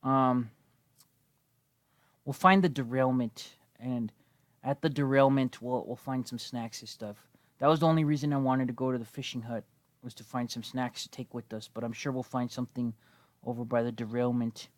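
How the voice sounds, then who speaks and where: Slightly wheezy from a cold he's coming down with, a gaming video host in his 20s talks through gameplay in a casual, wandering, laid-back way, with plenty of swearing. He speaks at a medium pitch with a steady tone and moderate pace, recorded dry.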